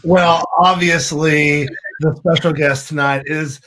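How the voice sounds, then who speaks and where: A man co-hosts a relaxed interview show, asking questions in a friendly way and often tripping over and restarting his words. His voice sits on the high side for a man. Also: slow, soft background music. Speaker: co-host. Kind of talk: casual interview hosting.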